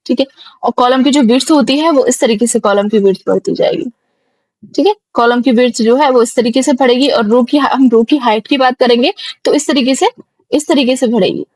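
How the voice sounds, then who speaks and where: A woman teaching a screen-recorded software tutorial, explaining each step slowly and repeating herself as she goes. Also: a little high, dry recording. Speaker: computer teacher.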